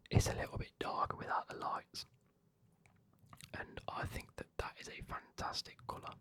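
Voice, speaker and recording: A man's voice: normal speed, a bit bright. A man whispering an ASMR unboxing as host, in a chatty, enthusiastic, informal manner.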